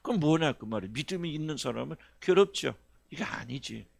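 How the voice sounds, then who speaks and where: Gravelly-voiced preaching pastor. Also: male voice, a little high, expressive, fairly quick, no echo. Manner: folksy and conversational, asks the congregation questions. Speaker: senior pastor. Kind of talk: sermon.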